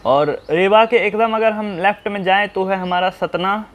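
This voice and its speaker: A man with a high voice teaches like a tutor. He spells every name out slowly, one letter at a time. He often asks a quick question and then answers it himself. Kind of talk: map-drawing tutorial.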